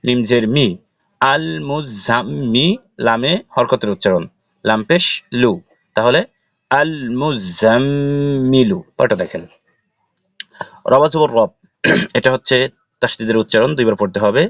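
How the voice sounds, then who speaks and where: Male Quran tutor with a Bangladeshi accent, mid-pitched, dry close mic. Spells letters aloud, then chants each word. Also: moderate pace, pauses often, dry recording, lo-fi sound. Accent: Bangladeshi Bengali. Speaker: Quran recitation teacher. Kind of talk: step-by-step spelling lesson.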